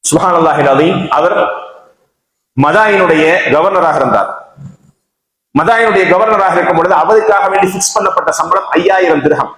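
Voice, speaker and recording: A man's voice: sits high, moderate pace, long pauses, a bit bright. A man with a Tamil Nadu accent giving a Friday sermon in a mosque, telling a story with repetition and emphatic peaks. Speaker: mosque preacher. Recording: echoey mosque hall.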